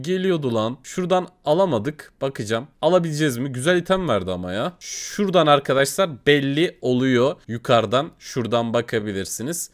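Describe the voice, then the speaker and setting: A young man giving casual gaming commentary to his viewers, excitable and swearing when things go wrong. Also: medium pitch. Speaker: gaming video host.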